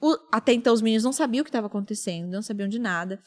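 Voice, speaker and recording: High-voiced woman telling an emotional story. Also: rapid-fire. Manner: emotional storytelling, acts out quoted speech. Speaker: podcast host. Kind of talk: casual podcast chat.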